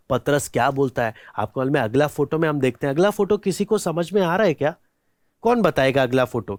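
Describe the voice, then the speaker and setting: A man's voice: mid-range voice, darkish tone, no room sound, clean studio sound. A man teaching a children's Bible lesson, quizzing the kids with questions and acting out the characters' words in first person. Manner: asks questions to children, then answers; acts out quoted speech in first person.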